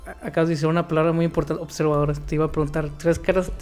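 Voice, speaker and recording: A man's voice: on the high side, little pitch movement, very fast, darkish tone, faint music behind. A man hosting a podcast, friendly and chatty, telling personal stories in casual talk. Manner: friendly, chatty, says "men" and "fíjate". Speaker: podcast host.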